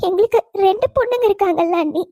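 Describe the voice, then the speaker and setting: A polite cartoon mom, coaxing, high mellow voice, dry. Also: female voice, fast, no echo. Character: middle-aged mother speaking respectfully to an in-law. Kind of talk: cartoon voice acting.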